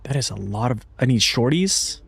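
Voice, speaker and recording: A man's voice: medium pitch, animated, normal speed, vocal fry, slightly rough. A man chatting casually on a gaming livestream, laid-back, his speech slightly slurred from a mouth numbed at the dentist. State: numb-mouthed after dental work, slightly slurred. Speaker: video game live streamer.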